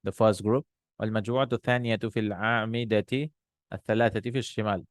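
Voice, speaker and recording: A man teaching an Arabic textbook lesson. He reads Arabic lines quickly, then translates and explains them slowly in with many pauses and restarts. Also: on the low side, fairly even intonation, no room sound.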